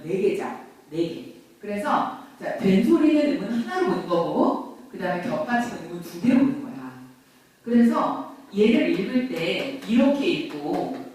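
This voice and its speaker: A middle-aged woman teaching grammar to a classroom, lively, quizzing and teasing her students. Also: mid-range voice. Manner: lively, questions and teases students. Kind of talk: classroom lecture. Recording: very echoey classroom from far off.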